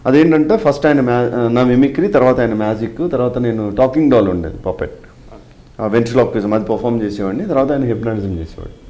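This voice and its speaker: A man's voice: medium pitch, quick pace, mellow, lo-fi sound. A middle-aged man, a mimicry artist, answering interview questions and telling stories from his career while slipping English phrases into his talk. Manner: explanatory, mixes in English phrases.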